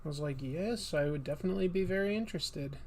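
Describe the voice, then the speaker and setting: A man with a slightly nasal, a little high, somewhat mellow voice talks fast while drawing on a casual comics livestream. He's the host and a comic artist, chatty and rambling, full of fillers and restarts.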